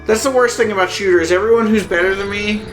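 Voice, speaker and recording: A man's voice: high-pitched, quick pace. A man co-hosting a let's play, joking dryly and sarcastically in casual chat. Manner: dry, sarcastic humor, swears. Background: faint game music.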